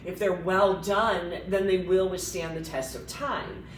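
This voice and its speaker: Echoey, distant-miked woman lawyer. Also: a little slow. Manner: explanatory, animated, laughs easily. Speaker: estate planning attorney, co-host. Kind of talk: casual professional discussion. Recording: echoey room, mic at a distance, faint rumble.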